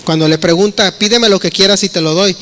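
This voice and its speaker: A man's voice: sits high, fairly quick, pushed and bright. A middle-aged man, preaching a conversational sermon and acting out the quoted dialogue.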